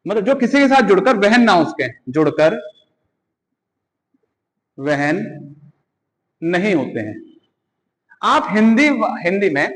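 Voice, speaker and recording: A man's voice: sits high, long reverb tail, low-quality recording. A man teaching an exam-prep grammar lesson, asking questions and answering them himself, repeating key points.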